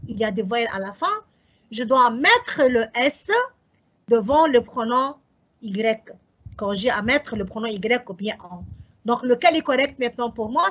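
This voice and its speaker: A woman teaching a French grammar revision lesson, working through exam choices slowly and answering her own questions. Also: on the high side, a bit bright, slightly rough, muffled recording.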